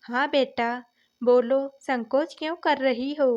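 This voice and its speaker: A woman's voice: sits high, steady tone, slow pace, muffled recording. A woman voicing a kindly old father-in-law. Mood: affectionate. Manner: warm, soothing, fatherly tone. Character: kindly older father-in-law, affectionate and calm.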